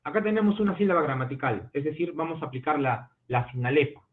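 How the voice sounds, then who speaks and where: A male literature teacher giving an online class, explaining step by step and checking understanding with quick questions. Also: fairly high pitch, expressive. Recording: tinny phone-like audio from an online call.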